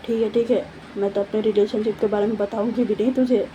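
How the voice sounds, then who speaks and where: A woman's voice: mid-range voice, little pitch movement, fairly quick, mellow, dull audio, a little hiss or hum, natural voice. A woman voicing a cheeky young woman who teases her roommate in a playful, mock-dramatic way. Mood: teasing.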